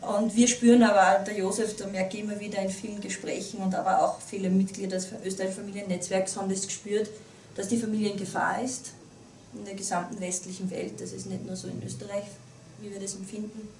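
A woman's voice: mid-range voice, flat delivery, fast talker, darkish tone, a little hiss or hum. A woman in her thirties with an Upper Austrian accent gives an earnest talk to a small group, often restarting her sentences. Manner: earnest, with many restarts and fillers. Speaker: guest speaker. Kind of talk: public talk. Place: small meeting room. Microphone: far camera. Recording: roomy, distant camera audio.

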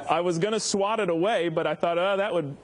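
A man presenting TV weather live, chatting wryly off the cuff. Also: high-pitched. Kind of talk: wry off-the-cuff live chat. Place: TV studio.

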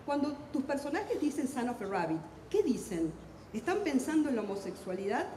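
Speaking on a panel at a book fair, this literary translator, a middle-aged Argentine woman, races through her ideas with intensity and wry, self-mocking jokes. Her voice is rather high yet mellow and very animated. The recording carries a long echoing tail from the big hall, plus a slight hiss or hum.

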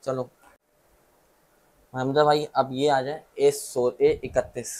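A man with a Pakistani Urdu accent, pitching phones from his mobile shop, listing specs and prices and checking "okay?" as he goes. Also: level tone, a little mellow. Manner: brisk, lists specs, repeats "okay?" to check understanding. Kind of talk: sales pitch to camera.

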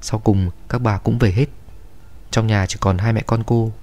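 Mellow-voiced man narrating horror. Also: lowish voice, steady tone, normal speed.

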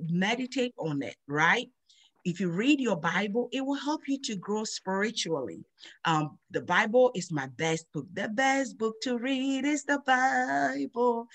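Over a video call, a middle-aged woman with a medium-pitched voice runs a children's Bible lesson as its host. She takes the memory verses slowly, drilling them in a sing-song, teacherly way.

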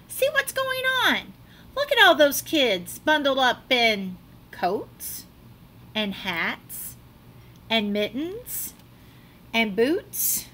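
Indoors in a small classroom, a middle-aged woman reads aloud from a children's picture book, her high-pitched voice lively and theatrical. Like a teacher, she draws out words for dramatic effect. Slight background noise is present.

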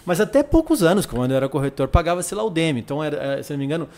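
A man's voice: a little high, very animated, very fast, darkish tone. Chatty Brazilian male host. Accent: Brazilian Portuguese. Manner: chatty, rambling, many fillers. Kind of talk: casual chat.

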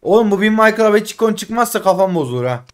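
High-voiced man pleading over game packs. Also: animated, quick pace. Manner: frustrated pleading and grumbling, swings between loud and muttered. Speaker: gaming streamer. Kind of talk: casual live commentary while opening game packs.

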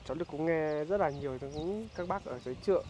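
A man doing a casual on-location interview in a rural village, speaking haltingly with many filler sounds. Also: a little high, darkish tone, slight background noise. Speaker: vlogger visiting a poor family.

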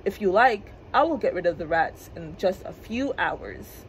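A quiet, mysterious male piper with a steady, direct delivery, voiced by a woman storyteller. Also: lowish voice, moderate pace, slight background noise, poor audio. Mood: calm.

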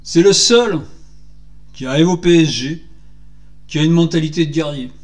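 A man's voice: fairly high pitch, moderate pace. Indignant man ranting about his club. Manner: indignant, rhetorical questions, animated. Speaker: football commentator vlogger. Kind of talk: solo opinion vlog. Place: small room indoors. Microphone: desk microphone on stand.

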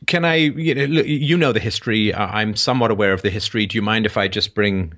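Male call-in host, low but forceful and sharp, lecturing with sarcastic asides. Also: quick pace. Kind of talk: explanatory monologue to a caller.

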